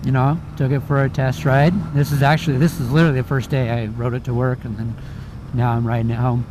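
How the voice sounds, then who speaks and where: A man's voice: mid-range voice, flat delivery, fast talker. A man chatting casually as he gives a spoken gear review from inside a motorcycle helmet while riding. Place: outdoors on a moving motorcycle. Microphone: mic inside a helmet. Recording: helmet mic with clear traffic and vehicle noise. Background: vehicle and road noise.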